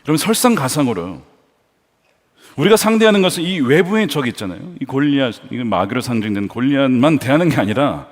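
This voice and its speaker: A male pastor preaching a sermon in a church, earnest, swinging between hushed storytelling and emphatic points. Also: mid-range voice, very animated, brisk, big-room sound.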